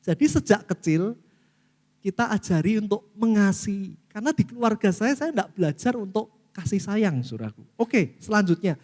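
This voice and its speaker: Middle-aged indonesian pastor giving a sermon, bouncy animated voice, long church reverb. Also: male voice, high-pitched, moderate pace. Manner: lively preaching, often addresses listeners as saudaraku. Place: church hall.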